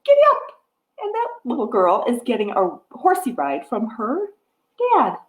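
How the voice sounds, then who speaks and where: A woman in her forties reading a picture book aloud to toddlers in a sing-song way, pausing to ask them simple questions. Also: a little high, huge pitch swings. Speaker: children's storytime host. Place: wood-floored living room with a piano, indoors. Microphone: webcam or device mic at about arm's length. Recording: echoey room, device microphone.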